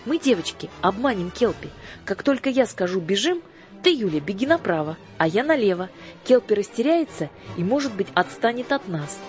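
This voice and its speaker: Женщина изображает смелую сообразительную девочку. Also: female voice, medium pitch, big pitch swings, moderate pace, soft background music, pitched above the performer's own voice, close to an everyday voice. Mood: eager. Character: quick-witted brave young girl planning escape.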